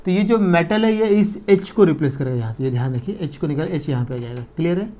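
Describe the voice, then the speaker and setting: A man's voice: on the high side, lively intonation, warm tone. A man teaching an exam-prep chemistry lesson, explaining step by step and asking questions that he then answers himself. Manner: slows down to spell out formulas.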